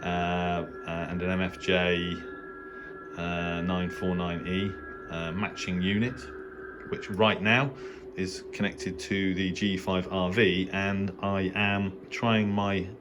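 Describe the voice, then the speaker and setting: A very low-voiced, middle-aged man with an English accent shows viewers around his indoor home radio shack off the cuff, his flat delivery slow, hesitant, and understated, drifting into trailing asides. Background noise is plainly audible in this home recording.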